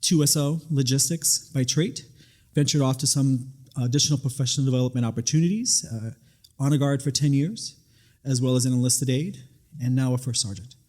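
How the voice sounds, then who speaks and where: A man's voice: mid-range voice, brisk, a little mellow. Middle-aged man, from New York, mid-range voice, conversational interview guest, military sergeant. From Bronx, New York, USA. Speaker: guest, Air National Guard first sergeant.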